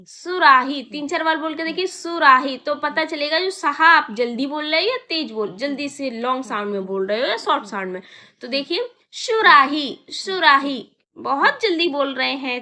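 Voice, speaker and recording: A woman teaching young children a reading lesson, patient and coaxing, repeating words slowly and asking the class questions. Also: high-pitched, bright, forceful tone. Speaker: primary school Hindi teacher.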